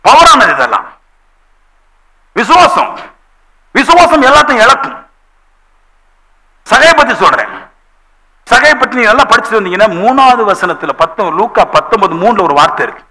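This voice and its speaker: Pastor guy preaching, really high piercing voice, tells stories and does everybody's voices. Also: normal speed, pauses often, low-quality recording. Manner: animated storytelling, acting out voices of people in his stories. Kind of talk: sermon. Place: church.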